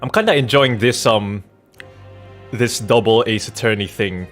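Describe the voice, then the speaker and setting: An unhurried game streamer on the low side, with a fairly bright tone, rambles informally while playing, joking irreverently and swearing casually. Background music plays, and he speaks into a Rode NT1-A studio condenser microphone.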